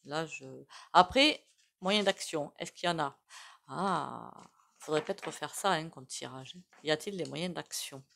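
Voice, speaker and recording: Woman, tarot reader, lowish voice, chatty with lots of fillers. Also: unhurried, vocal fry, fairly bright tone. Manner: chatty, many fillers and asides to viewers. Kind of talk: casual tarot reading monologue.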